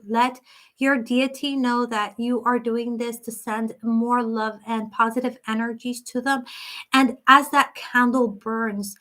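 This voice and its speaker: A woman hosting a psychic live stream, reading viewer comments aloud and answering them gently and sympathetically in loose, casual talk. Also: on the high side. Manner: talks in loose, restarting sentences with many fillers.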